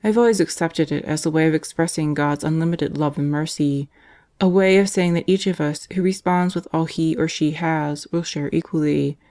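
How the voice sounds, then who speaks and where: A woman voicing a calm, devout male prisoner whose letters are gentle and resigned. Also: low-pitched, moderate pace. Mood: earnest.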